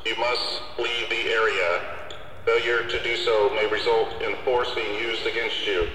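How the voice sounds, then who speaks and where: Male police officer, stern orders over a blaring loudspeaker, bright edge, long echo off far buildings. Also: fairly low pitch, flat delivery, a little slow, a little hiss or hum. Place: outdoors on a city street. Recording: distant loudspeaker echoing down a street.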